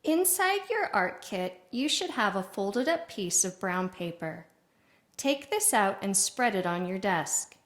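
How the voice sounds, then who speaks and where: A woman teaching an art lesson to young children on video, playful and clear with sing-song greetings. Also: medium pitch, big pitch swings, unhurried.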